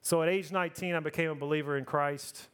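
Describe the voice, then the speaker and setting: A man in his forties gives a sermon built around his own life story. He talks in a loose, conversational way, pokes fun at himself and keeps asking the listeners "right?" His voice sits a touch higher than most men's. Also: fairly even intonation, quick pace, a bit bright, smooth. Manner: conversational, self-deprecating, often asks the crowd "right?". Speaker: preacher.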